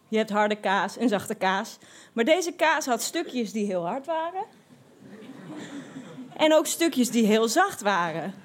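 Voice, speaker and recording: A woman telling a personal anecdote in a lively, expressive way, with frequent fillers and restarts. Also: fairly high pitch. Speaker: storyteller.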